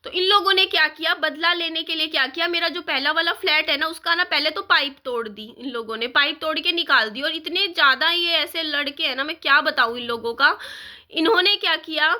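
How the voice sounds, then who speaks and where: A woman's voice: high-pitched, fairly quick. A young woman vlogger telling a neighborhood quarrel story casually, asking her viewers questions as she goes. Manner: animated, rhetorical questions to viewers.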